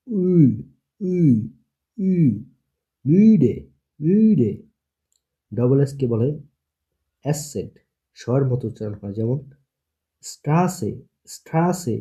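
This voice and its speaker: A man's voice: mid-range voice, mellow, lo-fi sound. A man teaching an online language lesson, patiently spelling out letters and sounds one at a time.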